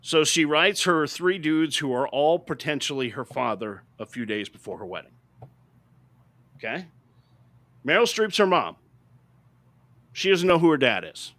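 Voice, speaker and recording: Bright, animated man ranting about films. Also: medium pitch, unhurried, long pauses. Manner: emphatic, ranting, seeks agreement with "right?". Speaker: podcast co-host. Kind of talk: opinionated movie review chat.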